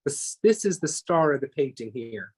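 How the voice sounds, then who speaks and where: A man's voice: medium pitch, big pitch swings, moderate pace, slightly rough. A man teaching a live online painting class, chatty and talking through each step as he works, often correcting himself mid-sentence. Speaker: painting instructor.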